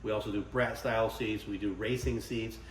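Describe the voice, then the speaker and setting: A man, a little hoarse from illness, rambling casually about his custom motorcycle seat work. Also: on the low side, steady tone, fairly quick, a little hiss or hum. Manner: rambling, conversational, lots of fillers. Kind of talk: casual workshop vlog talk.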